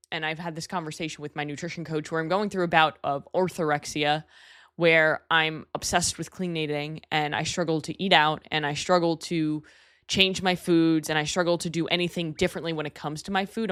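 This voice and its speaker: A woman's voice: deep voice, fairly bright tone, dry recording, clean studio sound. A woman in her thirties from New York, hosting her own podcast in a candid, chatty way with casual fillers. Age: 30s. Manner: candid, chatty, self-deprecating with frequent "like" fillers. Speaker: podcast host. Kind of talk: solo podcast talk.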